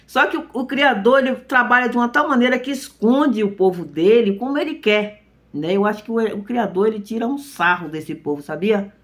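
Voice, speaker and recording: A man preaching in an earnest, emphatic, informal way. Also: high-pitched. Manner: earnest, emphatic, tags lines with "né?". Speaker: religious preacher.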